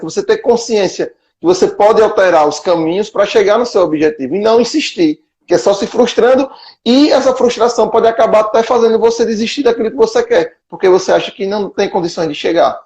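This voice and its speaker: A man's voice: high-pitched, quick pace, a little mellow. A man hosting a casual live chat, laying out his ideas step by step, heard through dull lo-fi stream audio. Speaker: host.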